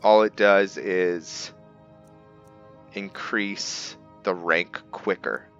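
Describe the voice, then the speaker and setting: A man gives casual let's-play commentary as a gaming host, speaking very slowly in a deep, smooth, slightly bright voice with a steady tone. He muses aloud over his decisions, with game music behind him on a lo-fi recording.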